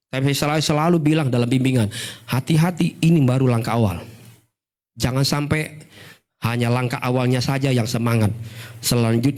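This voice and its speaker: A man preaching a Sunday sermon in church as pastor, animated and often jumping into a high, excited voice. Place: church service.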